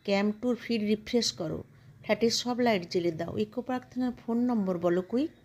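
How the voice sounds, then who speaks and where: A woman's voice: medium pitch, a little fast, a little mellow, close to an everyday voice. A woman voicing a frantic young male coder who barks urgent, exasperated orders at his robot.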